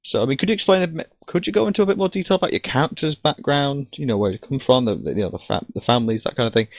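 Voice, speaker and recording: A man's voice: mid-range voice, rapid-fire, creaky, no echo. A man in his twenties hosting a podcast, asking questions hesitantly, restarting and laughing easily. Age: 20s. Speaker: host. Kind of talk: casual podcast interview. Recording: dry, dull lo-fi voice chat audio.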